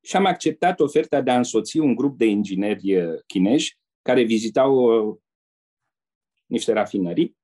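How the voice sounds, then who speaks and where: An older man from Romania, a former diplomat and interpreter, telling anecdotes in a relaxed way and turning to the listener with asides. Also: medium pitch. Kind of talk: anecdotal storytelling.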